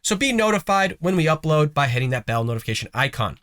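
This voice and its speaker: An American man hosting a conservative political commentary show talks casually, tossing in folksy, sarcastic asides while congested from a cough. He speaks fast with a fairly high, fairly bright voice and big pitch swings.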